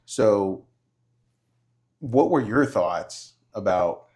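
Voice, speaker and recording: A man from Southern California hosting a podcast, chatty and animated, telling stories and laughing often. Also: lowish voice, very slow. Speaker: podcast host. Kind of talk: casual interview chat.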